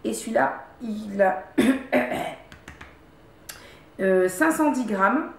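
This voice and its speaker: A woman's voice: on the high side, animated, very slow, vocal fry, echoey room. A woman vlogger casually reviewing her favorite products at home, chatty, repeating words and stopping to restart often. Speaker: beauty vlogger. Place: room at home.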